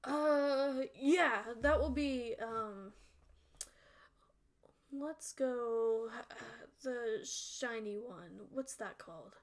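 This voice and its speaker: A woman's voice: fairly high pitch, extremely slow. Woman putting on a cheerful troll baker. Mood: eager friendly. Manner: eager, friendly shopkeeper talk. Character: cheerful one-armed green male troll baker.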